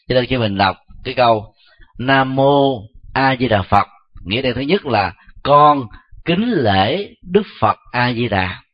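Man, buddhist monk, dharma talk, measured and unhurried, frequent filler pauses, muffled lo-fi recording. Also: medium pitch, husky. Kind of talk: dharma talk answering questions. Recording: dull lo-fi recording.

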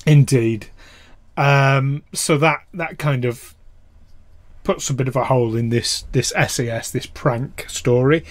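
Man, very slow pace, hesitant, casual podcast chat, dry close sound. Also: mid-range voice, no echo. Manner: hesitant, lots of ums and restarts.

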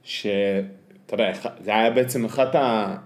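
Echoey Israeli man thinking aloud. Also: mid-range voice. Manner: halting, reflective, searching for words. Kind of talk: casual conversation. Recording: echoey, roomy sound.

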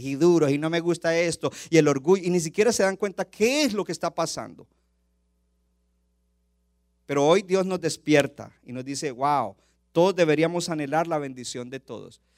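Fervent higher-voiced pastor preaching. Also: male voice, dry recording, clean studio sound. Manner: preaching with rising intensity, acting out quotes. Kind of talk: sermon.

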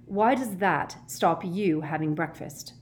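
A woman's voice: lowish voice, slow pace, a little hiss or hum. Woman playing a baffled, exasperated teenage boy. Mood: bewildered. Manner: incredulous, blunt, exasperated questioning. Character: sensible teenage boy, baffled and impatient with friend. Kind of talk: dramatised storybook reading.

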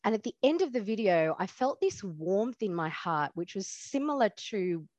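A woman's voice: mid-range voice, big pitch swings, moderate pace, a little mellow, dry recording, muffled recording. A woman in her thirties, an immigration lawyer telling her story in a podcast interview, reflective and laughing easily with many fillers. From Australia.

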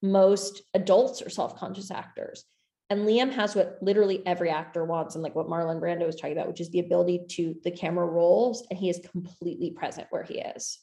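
Enthusiastic woman with a gravelly edge. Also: fairly low pitch, fairly even intonation, quick pace, warm tone, roomy sound. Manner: enthusiastic, rambling with many "like" fillers. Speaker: filmmaker discussing her film. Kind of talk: casual conversation.

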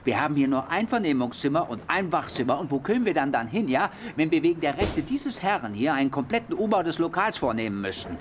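Man as a bossy, mocking police sergeant, lively and curt, radio play. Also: a little high, fast, few pauses, slight background noise. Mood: brusque. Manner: brusque, sarcastic, bossy.

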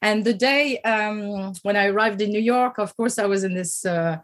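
A woman's voice: medium pitch, moderate pace. French-accented woman, hesitant guest. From France. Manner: hesitant, many fillers. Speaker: guest, former dancer. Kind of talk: podcast interview storytelling.

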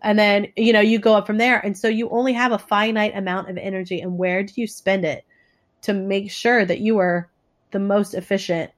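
A woman with a stuffy, congested nose talks conversationally as an interview guest, explaining things in a halting way. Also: mid-range voice, steady tone. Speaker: interview guest, author and coach.

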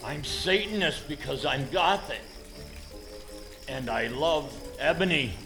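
A man's voice: a little high, expressive, slow pace, vocal fry, heavily acted. A man voicing an earnest, lovestruck wannabe-goth who pleads his case. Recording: echoey hall, faint music.

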